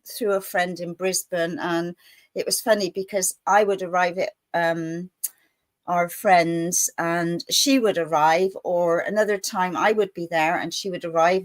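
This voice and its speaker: A woman hosts an online interview show in a chatty, rambling way. She laughs often as she welcomes her guest. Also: lowish voice. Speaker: show host. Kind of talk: casual interview chat.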